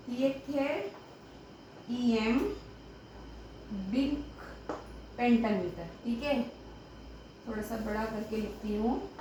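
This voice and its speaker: High-voiced woman teaching in an echoey room. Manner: explains step by step, often checks with "ठीक है". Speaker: English grammar teacher. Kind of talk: explaining a lesson at a board. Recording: echoey room with faint background noise.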